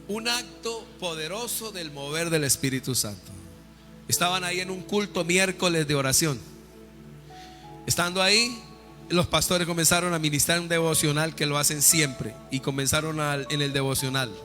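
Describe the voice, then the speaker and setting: A male pastor preaching a sermon with call-and-response questions, building to loud fervent peaks. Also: a little high. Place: church sanctuary. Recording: reverberant church hall with faint music.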